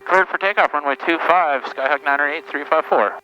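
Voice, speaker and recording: A man's voice: a little high, fairly quick, bright, forceful tone. A man talking over the aviation radio in clipped radio phraseology, calling the tower from a small plane cockpit through a headset. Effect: aviation radio transmission. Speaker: student pilot. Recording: dull radio audio with hiss.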